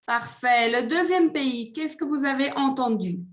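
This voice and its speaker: A woman teaching a French class, leading slow, deliberate pronunciation drills. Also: high voice. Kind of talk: classroom instruction.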